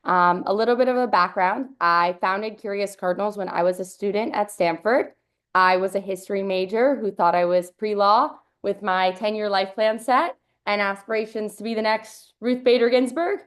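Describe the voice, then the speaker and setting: A young woman, founder and CEO of a company, presents on a webinar over a video call. She speaks at a middle pitch, upbeat and fluent, with only an occasional "um". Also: moderate pace. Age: young adult.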